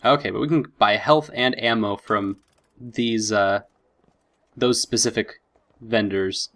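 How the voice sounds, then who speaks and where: A man's voice: on the low side, takes it slowly, a bit bright. A man hosting a let's play with casual commentary, thinking aloud and easily impressed. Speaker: gaming video host.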